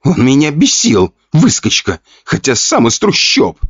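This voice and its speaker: A man voicing a spoiled young nobleman who whines, sulks and shouts back at his father. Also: mid-range voice, wildly swooping pitch, unhurried, husky, muffled recording, pitched above the performer's own voice, heavily acted. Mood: resentful. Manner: whiny, defensive, shouting. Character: spoiled young male heir, whiny and resentful.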